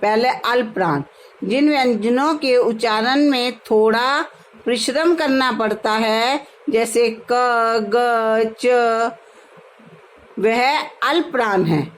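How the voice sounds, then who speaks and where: A woman's voice: a little high, low-quality recording. A woman teacher, patiently explaining a grammar lesson to her students. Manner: slow, patient, addresses students as "beta".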